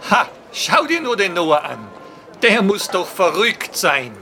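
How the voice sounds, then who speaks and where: A jeering, scornful townsman from a kids' audio story, played by a man with a swooping voice. He draws out his mocking words slowly. Street noise hums behind him. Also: high voice, big pitch swings, sharp tone, a faint crowd, exaggerated voice. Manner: sneering, laughing.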